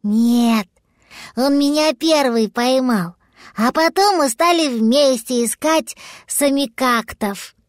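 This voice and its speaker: A woman voicing a small, trusting boy dragon in a storybook reading, speaking with slow childlike earnestness. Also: high voice, no echo, studio quality.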